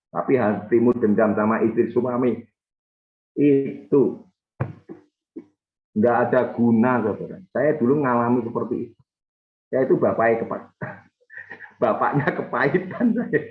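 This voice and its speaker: A man preaching a sermon as a pastor, animated, with sudden jumps in pitch and volume. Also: measured pace, long pauses, reverberant, narrow, tinny audio.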